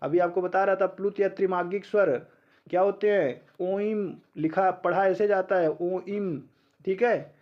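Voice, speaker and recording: A man's voice: high-pitched, steady tone, normal speed, highs cut off. A man teaching an exam-prep lecture, asking learners questions and answering them himself, sounding out letters one by one.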